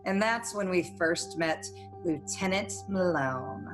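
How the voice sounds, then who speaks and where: Over music, a woman speaks slowly in a lowish voice as a scheming young studio employee secretly involved in murder. The 1940s radio noir narration is confessional, tense and confiding.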